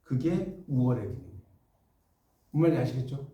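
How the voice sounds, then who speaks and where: A man's voice: mid-range voice, expressive, a little fast, mellow, recorded from a distance, highs cut off. A middle-aged man teaching a class, dictating notes, repeating key phrases and checking whether his students follow. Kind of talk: classroom lecture. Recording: echoey room, voice from off-mic.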